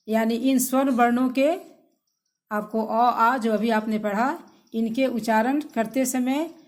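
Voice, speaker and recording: Slow, patient woman teaching. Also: fairly high pitch. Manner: patient, repeats definitions and addresses children directly. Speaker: school teacher. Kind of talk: recorded grammar lesson for children.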